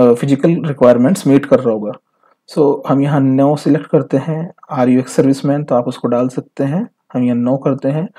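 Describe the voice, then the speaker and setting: Here a husky, dark-toned man of medium pitch, speaking with an Indian accent, explains an informal screen tutorial one step at a time. He teaches as he goes, mixing English phrases into his speech.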